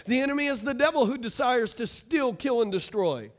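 High-voiced, animated pastor. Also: male voice, a little fast. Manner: animated, call-and-response preaching, pacing the stage. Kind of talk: sermon. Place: church stage, large room.

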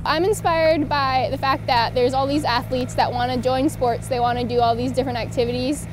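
A young woman talks casually in an interview about her own experience. Her voice is high, and music plays clearly behind her. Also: steady tone, a little fast, rough recording. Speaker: school club member.

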